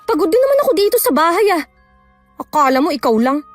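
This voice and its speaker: An actress playing a gossipy, resentful wife who complains and argues defensively. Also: female voice, very high-pitched, sing-song, fast, no room sound, soft background music. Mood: bickering.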